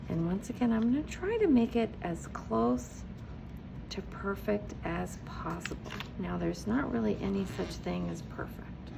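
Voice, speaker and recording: Speaking in a gravelly mid-range voice over some background noise, a preschool teacher leads young children through a craft one step at a time. As host of a children's read-aloud and craft video, she stays patient and encouraging, often answering her own questions.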